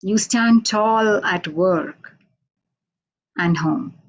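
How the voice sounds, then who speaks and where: An Indian poet whose native language is Hindi gives a halting, unhurried poetry reading over a video call from a radio station office, with many fillers. She speaks with an Indian accent in a mid-range voice, and the sound is lo-fi.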